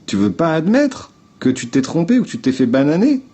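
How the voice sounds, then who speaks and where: On the high side and a little fast, this male livestream host's mellow voice swoops wildly in pitch. Streaming from his phone, he explains step by step in casual talk, blunt and informal, with swearing and direct address to viewers.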